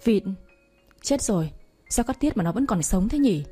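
A woman's voice: mid-range voice, expressive, normal speed, dark tone, breathy edge, faint music behind. A woman playing a clumsy, flustered young woman. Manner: flustered, pleading. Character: clumsy, eager young woman company director.

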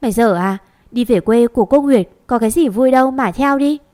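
A woman reading as a quick-tempered young woman, an elder sister who scolds and snaps. Her voice sits high and her words come sharp. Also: expressive, natural voice. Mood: snappish. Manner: snappish, scolding.

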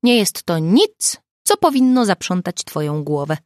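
A woman reading the lines of a brisk, teasing amateur sleuth in an audiobook. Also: lowish voice, sing-song, a little mellow, no echo, clean studio sound. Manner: brisk, matter-of-fact, teasing. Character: grown woman, sharp-witted amateur sleuth.

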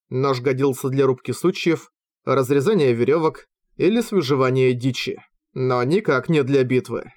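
A man narrating a fantasy audiobook in a steady, measured reading, recorded at home on a close microphone. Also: mid-range voice, no room sound.

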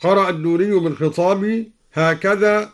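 A man teaching Quran reading variants on the radio, explaining each point and then chanting the verse slowly as an example. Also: high-pitched, fairly even intonation. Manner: measured, slow chanting of quoted verses. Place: radio studio.

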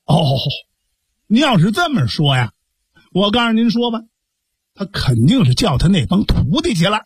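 A man's voice: high voice, big pitch swings, moderate pace, husky, no echo, clean studio sound, full character voice. A man with a Beijing accent voicing chatty, scheming old village neighbors in a storytelling radio performance. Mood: coaxing. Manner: gossipy, coaxing, colloquial.

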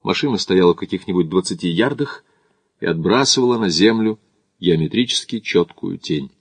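A man narrating an audiobook in a measured literary reading on a close studio mic. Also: low-pitched, animated, no echo. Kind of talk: scripted narration.

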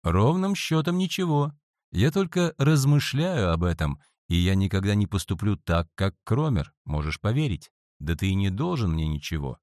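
A calm, knowing schoolboy, played by a male audiobook reader, probing gently and with quiet assurance. The voice sits low but moves in lively curves. The recording is dry and close. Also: normal speed, no echo.

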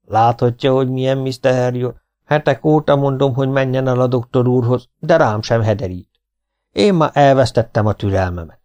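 A man's voice: mid-range voice, darkish tone, smooth, muffled recording, voice pushed up, natural voice. A man voicing an impatient middle-aged villager who complains in an exasperated tone.

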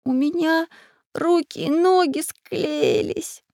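A woman's voice: mid-range voice, fairly even intonation, brisk, darkish tone, dry recording, clean studio sound, voice pushed up, lightly acted. A woman voicing a bold, determined young boy who talks resolutely.

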